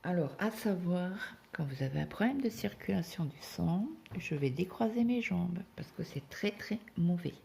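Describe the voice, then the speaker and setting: A woman's voice: on the low side, animated, normal speed, gravelly, warm tone. A woman chatting casually at home while she stitches, telling rambling stories full of asides. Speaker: cross-stitch vlogger.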